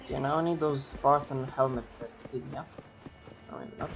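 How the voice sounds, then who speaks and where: A man's voice: medium pitch, normal speed, slight background noise, low-quality recording. A man giving casual gameplay commentary, thinking aloud in muttered asides as he plays. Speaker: gamer playing and reacting.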